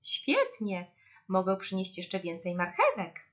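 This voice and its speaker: A woman's voice: medium pitch, wildly swooping pitch, slow pace, a bit bright, lo-fi sound, full character voice. A woman voicing a greedy but well-meaning little rabbit in a storybook reading, eager and pleading.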